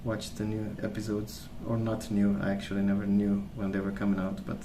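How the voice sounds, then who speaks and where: An ASMR creator, a young man, rambles softly in a lowish voice, gentle and unhurried as though thinking aloud, with a completely flat delivery. His room echoes, and background noise is clearly audible.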